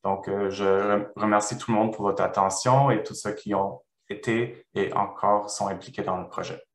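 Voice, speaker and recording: A low-voiced man presents research in French with a foreign, non-native accent. He feels his way haltingly through academic explanations, searching for words. The sound is roomy and echoing. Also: steady tone. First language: not French. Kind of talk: academic presentation and question answering.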